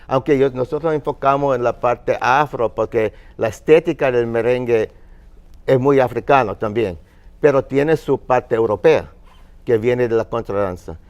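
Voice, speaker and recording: A man from Finland on a panel, explaining music history in a halting, searching way with many fillers. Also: medium pitch, darkish tone, highs cut off. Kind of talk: panel discussion.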